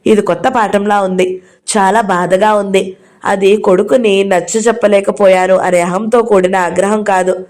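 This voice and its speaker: A woman's voice: medium pitch, normal speed. Woman narrating an audio novel. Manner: steady storytelling delivery. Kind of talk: reading a novel aloud.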